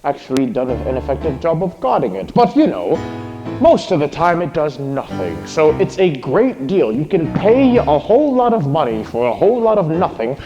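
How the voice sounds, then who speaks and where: A man co-hosting a live convention panel, joking in a dry, deadpan sales-pitch manner. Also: normal speed, dull audio. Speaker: co-host. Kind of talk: live convention stage banter. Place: convention hall stage. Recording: reverberant hall with faint music.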